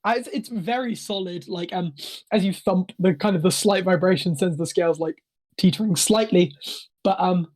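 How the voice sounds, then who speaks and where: Halting game master improvising over a voice call. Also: mid-range voice, a little mellow, rough recording. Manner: halting, self-correcting descriptions. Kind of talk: improvised tabletop game narration.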